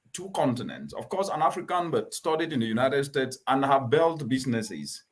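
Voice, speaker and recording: A man hosting a talk show, introducing solutions and interviewing a guest in an earnest, emphatic way. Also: on the high side. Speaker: host.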